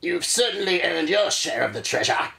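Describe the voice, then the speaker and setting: A man voicing a steady, approving ship captain in a raised, slightly distant voice. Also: sits high, moderate pace, creaky, voice pushed up, full character voice. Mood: pleased.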